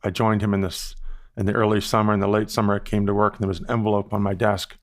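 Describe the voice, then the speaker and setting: A low-voiced Bahamian man in his sixties, founder of an investment firm, tells stories in relaxed interview answers. His tone is level, his manner measured and reflective, with frequent "you know" asides.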